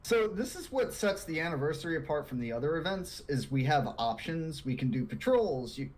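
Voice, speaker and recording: A man co-hosting a podcast in casual chat, animated and quick to laugh, often repeating words. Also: on the high side. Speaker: podcast co-host.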